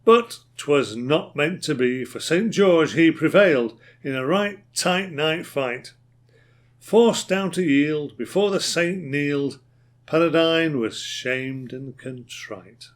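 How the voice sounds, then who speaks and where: A man's voice: fairly high pitch, animated, slow pace. A man voicing a boastful male knight prince, declaiming rhymed verse about his defeat.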